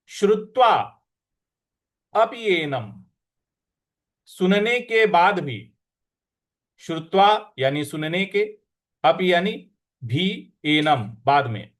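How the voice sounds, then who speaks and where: A man with a fairly high voice leads a recitation lesson at an unhurried pace. He sounds out each syllable with care and repeats words so students can copy him. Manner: slow, careful syllable-by-syllable pronunciation drill. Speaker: teacher.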